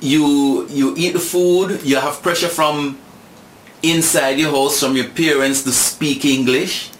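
A Jamaican man in his sixties, a guest with a Jamaican accent, tells reflective stories thoughtfully, repeating words as he searches for them. His voice is fairly high and steady, and he takes it slowly; the echoey room has faint ambience and slight background noise.

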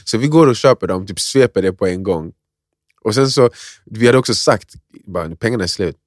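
Low-voiced young man telling a story. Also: no room sound, studio quality. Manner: rambling, animated, laughs while telling. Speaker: podcast co-host. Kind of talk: casual storytelling chat.

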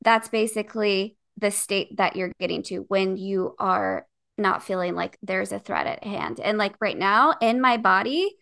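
A woman co-hosting a podcast in casual chat, animated, acting out her own inner thoughts and leaning on "like" as a filler. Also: medium pitch, measured pace, gravelly. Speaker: podcast co-host.

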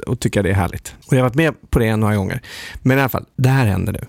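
A man's voice: lowish voice, gravelly, darkish tone, dry recording, clean studio sound. A man telling a casual anecdote in a rambling, self-interrupting way, often laughing at himself.

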